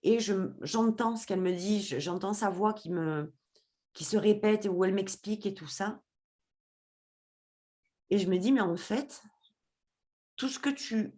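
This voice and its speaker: A woman's voice: medium pitch, mellow. A woman tells a personal story as a podcast guest. She talks expressively, slipping into the voices of the people in her story as she acts out their conversations.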